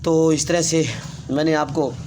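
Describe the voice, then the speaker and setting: A man teaching English vocabulary in a classroom-style lesson, slowly spelling words letter by letter and repeating them. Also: fairly high pitch, little pitch movement, creaky, a little mellow, a little hiss or hum.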